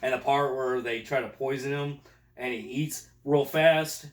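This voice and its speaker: A man's voice: mid-range voice, a little slow, far from the mic. Man, casual movie chat, profane, laughing, echoey room. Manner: laughing, profane, quotes scenes in put-on voices. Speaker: podcast co-host.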